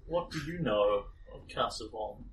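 Haughty noblewoman for a tabletop RPG, played by a man: formal, measured, condescending; slightly distant, faintly noisy recording. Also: lowish voice, expressive, vocal fry. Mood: scornful. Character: haughty noblewoman, disdainful, proud of her lineage. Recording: distant mic, faint room noise.

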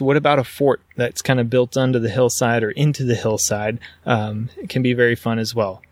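A man hosting a podcast alone, talking with excitement and rambling a little, with many fillers. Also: mid-range voice, dry recording. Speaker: podcast host. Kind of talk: casual solo podcast talk.

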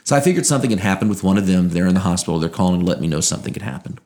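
A young man telling a personal story in a casual, earnest way, quietly emotional. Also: sits low, lively intonation, rapid-fire.

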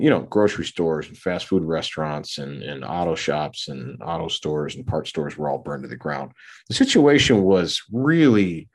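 A middle-aged man tells a rambling story on his podcast, stopping for fillers and restarting his sentences. His voice sits very low. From Minneapolis area. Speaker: podcast co-host. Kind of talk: casual storytelling.

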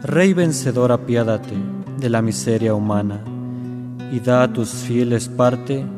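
A male lector declaims sacred verse solemnly, phrase by phrase. His voice sits at a middle pitch in a long church reverb, with plucked guitar clearly playing behind him. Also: a little slow. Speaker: lector reciting the Easter sequence. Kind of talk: solemn liturgical verse recitation. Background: plucked guitar music.

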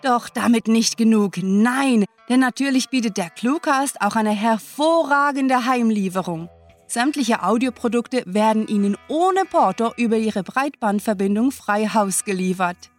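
Bubbly woman in a mock shopping-channel pitch. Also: measured pace, faint music behind. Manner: bubbly, exaggerated salesy hype. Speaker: podcast host.

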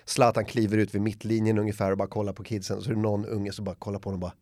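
A man's voice: fairly low pitch, no echo, studio quality. A middle-aged man chatting casually, telling a funny story and acting out the voices of others. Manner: animated storyteller who acts out other people's lines. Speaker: podcast guest. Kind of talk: casual chat, anecdote.

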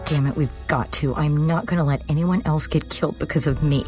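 A man's voice: fairly high pitch, a little fast, music in the background, voice pushed up, lightly acted. A male narrator voicing a fierce, protective young woman friend who speaks insistently in a raised voice.

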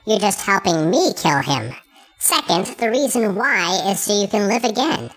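A woman's voice: medium pitch, big pitch swings, moderate pace. A performer voicing a foul-mouthed, bossy male marmot who talks bluntly in an audio story. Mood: curt.

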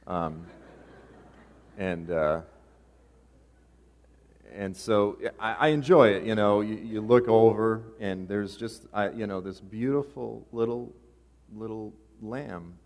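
Pastor with a low voice in a reverberant church. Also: male voice, takes it slowly, long pauses, darkish tone. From Boston area. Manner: casual, joking asides. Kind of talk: sermon. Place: church sanctuary.

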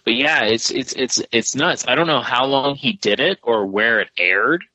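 A man's voice: mid-range voice, lively intonation, normal speed, bright, forceful tone, no room sound. A man co-hosting a horror movie podcast over a call, chatting casually with lots of fillers and restarts. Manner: rambling, many fillers and restarts. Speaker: podcast co-host. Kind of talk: casual chat. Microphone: remote call.

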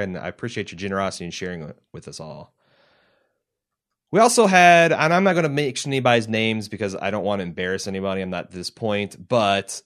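A man's voice: lowish voice, a bit bright. A man co-hosting a podcast, reading listener mail and retelling a TV scene in casual, conversational chat. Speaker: podcast co-host.

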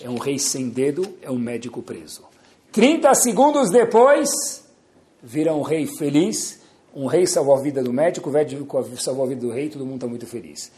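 A man giving a sermon in the manner of an animated storyteller, acting out the voices in his parable with big jumps in pitch. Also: normal speed. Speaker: religious teacher.

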